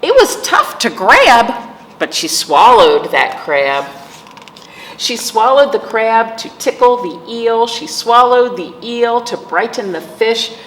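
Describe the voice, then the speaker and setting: In a reverberant, echoey room with noticeable background noise, a woman hosts storytime and reads aloud to young children. Her lively sing-song pitch rises and falls, and she lingers over each phrase while addressing her little audience directly.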